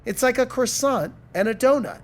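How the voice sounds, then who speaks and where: A man's voice: very high-pitched, expressive, moderate pace, slight background noise, voice pushed up. A man voicing a laid-back male driver who answers casually and matter-of-factly, in a spoken story.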